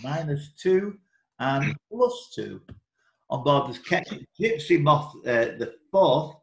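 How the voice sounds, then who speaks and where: The quiz host here reads questions aloud on an online group call from an indoor space. He sounds animated but slow, with a fairly high, creaky voice, and the recording carries a roomy echo typical of call audio.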